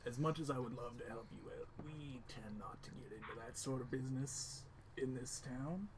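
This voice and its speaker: A man's voice: mid-range voice, moderate pace, over a noisy crowd, close to an everyday voice. A man playing a dry, level innkeeper. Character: plain-spoken adult male innkeeper. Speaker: innkeeper in a tabletop game.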